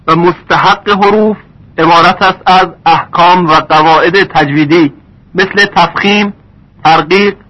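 A man teaching recitation rules in a lesson, stretching out example words slowly. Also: on the high side, pushed and bright, slightly rough. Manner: slow drawn-out example words. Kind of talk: tajweed lesson. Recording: dull lo-fi recording.

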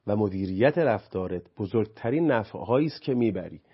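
A man's voice: fairly low pitch, animated, husky, muffled recording. Man teaching with emphatic rhetorical questions. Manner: rhetorical questions, speaks up and speeds into emphatic lists. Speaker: anger management teacher. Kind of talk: explanatory talk-show conversation.

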